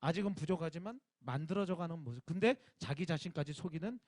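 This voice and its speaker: A man's voice: fairly high pitch, expressive, quick pace, a little mellow, no echo. A male youth pastor giving a casual sermon to teenagers, talking informally and directly with emphatic rising bursts.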